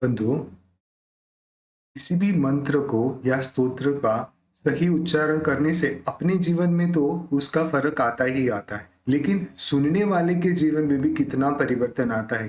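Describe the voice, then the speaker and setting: A man teaching correct pronunciation of a devotional hymn: he explains each word, then recites it slowly and repeats it. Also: mid-range voice, a little mellow. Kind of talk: pronunciation lesson. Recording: echoey room.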